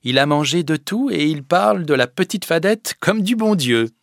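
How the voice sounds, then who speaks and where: A man's voice: a little high, lively intonation, normal speed, vocal fry, no room sound, clean studio sound, pitched above the performer's own voice. A man reading an audiobook, voicing a relieved peasant mother telling her husband good news. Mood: amazed.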